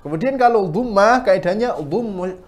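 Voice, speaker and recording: Man, fairly high voice, recitation teacher, slow drawn-out demonstrations, firm corrections. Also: lively intonation. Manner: demonstrates sounds slowly, then corrects firmly. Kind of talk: classroom recitation lesson.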